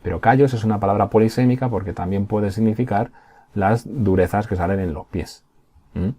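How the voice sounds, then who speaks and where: In a recorded remote class, a man teaches primary pupils with a deep, mellow, slightly husky voice at a brisk pace. He explains patiently step by step and keeps checking that they follow.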